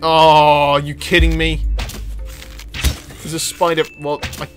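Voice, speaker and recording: Music plays under a man hosting a gaming video with casual, jokey commentary that pokes fun at himself as he exclaims and talks to the characters. His pitch is fairly high, but his delivery is flat and slow.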